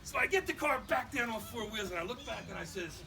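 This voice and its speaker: A man and father telling a boisterous comic story live to an audience, driving toward his punchlines, recorded from a distance over a loud crowd. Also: high-pitched, fast talker, creaky. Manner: animated, boisterous, punchline-driven. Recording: far mic, loud crowd and noise, live event.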